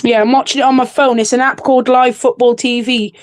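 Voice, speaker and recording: A woman's voice: on the high side, little pitch movement, fairly quick. A woman chatting casually about football on a live reaction stream, swapping gossip about players and clubs. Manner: chatty, trades football gossip, swears at goals.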